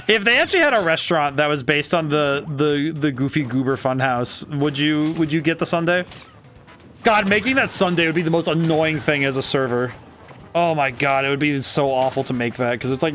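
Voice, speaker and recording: Young man, game streamer, chatty and giggly, slightly high voice, faint game music behind. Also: bright, forceful tone. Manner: chatty, giggly, self-correcting with frequent laughs. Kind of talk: casual live-stream commentary while playing.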